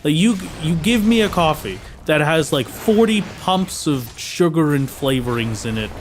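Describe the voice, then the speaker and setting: An Irishman chats casually during a live game stream, rambling along with plenty of "like" and "uh" fillers. His voice is on the high side with lively intonation at a normal speed, and soft music plays in the background.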